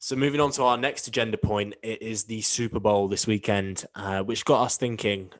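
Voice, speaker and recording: A man co-hosting a podcast in casual chat, relaxed, moving the talk along. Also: on the low side, normal speed, dry recording. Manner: relaxed, steers the agenda. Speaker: podcast co-host.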